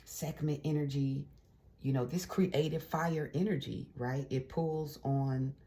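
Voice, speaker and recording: A tarot reader gives a casual, encouraging reading straight to camera in a low, warm voice, unhurried and fairly even in intonation. She's chatty, sprinkling in check-ins and fillers, and keeps things spiritually uplifting, like a pep talk.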